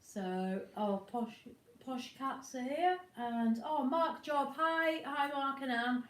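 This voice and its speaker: Her voice sits high and slow as a woman with a cold, a bit snotty, casually chats and rambles on a motorhome livestream she co-hosts, warmly greeting viewers from indoors at home. She uses an iPad, and the recording has roomy echo.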